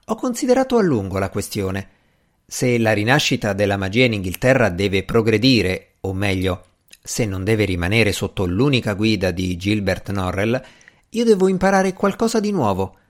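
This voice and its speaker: A man's voice: on the low side, very animated, moderate pace. A man reading the part of an ambitious, impatient young male magician in an audiobook, earnest and easily irritated.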